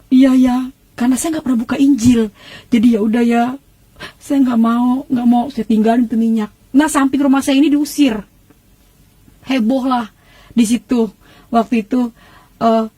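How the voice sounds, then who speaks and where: A woman with a high, bright voice tells her personal testimony with emotion. She acts out the voices of the people in her story. The sound is dry and close. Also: no echo. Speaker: church testimony speaker.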